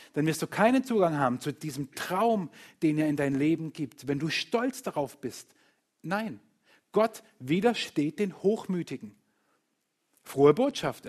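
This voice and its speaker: A man preaching a sermon to a congregation, lively and playful, acting out other people's voices and joking with the listeners. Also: a little high. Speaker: pastor.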